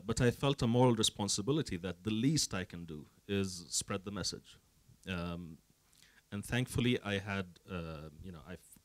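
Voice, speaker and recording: Earnest activist guy from the emirates, low voice, dry sound. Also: no echo. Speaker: panel guest, activist. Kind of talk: panel discussion answer.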